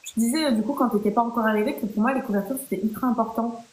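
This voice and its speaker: In a roomy, echoing recording, a live stream host chats playfully, full of fillers and false starts. Her voice is fairly high, a little mellow, and very fast.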